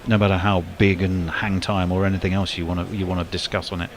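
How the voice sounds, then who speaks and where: This cricket commentator has a low voice with little pitch movement, calling the match ball by ball for a live broadcast. He keeps his play-by-play brisk but lifts his voice suddenly when a big shot comes. Slight background noise is present.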